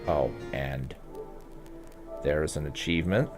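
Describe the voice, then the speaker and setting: A man's voice: a bass voice, slow, music in the background. A man narrating a video game walkthrough as a guide, talking in a casual, conversational way.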